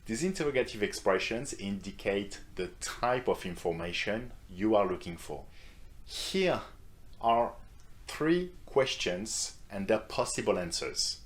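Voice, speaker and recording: A man teaching an online language lesson, explaining grammar step by step in English and modeling phrases for the listener to repeat. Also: sits low. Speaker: French teacher.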